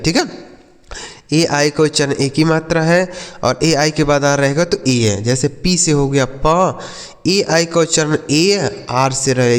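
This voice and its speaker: A man teaching English spelling to children, sounding letters out slowly and answering his own questions. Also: on the high side, clear, resonant tone, in a large hall.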